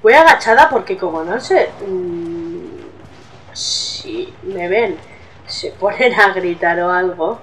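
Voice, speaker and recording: A woman's voice: fairly low pitch, lively intonation, slow pace, fairly bright tone, recorded from a distance, a little hiss or hum, poor audio. A woman with a Spain accent giving casual horror game commentary, swearing often and easily startled. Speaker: gameplay streamer.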